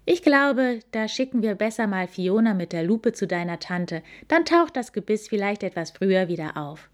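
A woman voicing a kind, motherly hotel keeper in a storybook reading, warm and caring. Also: mid-range voice, lively intonation, moderate pace, natural voice. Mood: amused.

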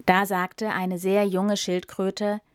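A woman's voice: mid-range voice, flat delivery, slow, clean tone, no room sound. Woman reading a storybook aloud. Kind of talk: storybook narration.

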